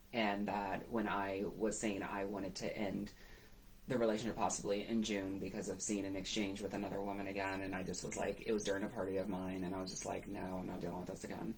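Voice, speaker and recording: A woman's voice: a bass voice, slight background noise, poor audio. A woman hosting a talk, telling her story in a candid, conversational way and quoting others as she goes. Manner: animated, quotes others in passing. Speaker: host and business owner.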